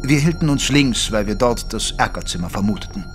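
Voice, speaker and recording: An actor playing a sober Victorian doctor who narrates a detective adventure in a German audio drama. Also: male voice, mid-range voice, expressive, brisk, lightly acted. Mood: tense narration. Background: music.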